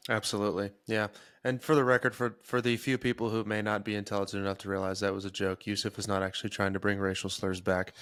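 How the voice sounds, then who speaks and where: A man's voice: lowish voice, flat delivery, fast, a bit bright, smooth, no room sound, clean studio sound. A man in his mid twenties co-hosting a podcast, laid-back and sarcastic, swearing casually. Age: 20s. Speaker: podcast co-host. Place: home office.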